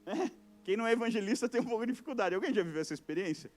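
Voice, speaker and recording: A male pastor with a Brazilian Portuguese accent, preaching an evangelical sermon at a youth service and acting out little dialogues as his voice swings between loud and soft. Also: sits high, lively intonation, racing, faint music behind. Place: church service.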